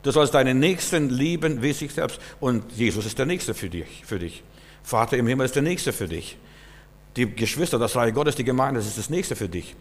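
Man preaching a sermon, mid-pitched voice, earnest and direct, echoing in a large hall. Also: expressive, normal speed. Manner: earnest, repetitive, addresses listener directly. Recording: long reverb, hall.

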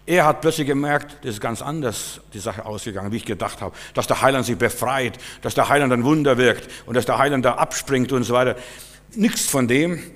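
A man's voice: mid-range voice, a little fast. Male preacher in a reverberant hall. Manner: emphatic, shifting from loud urgency to hushed warnings. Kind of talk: sermon.

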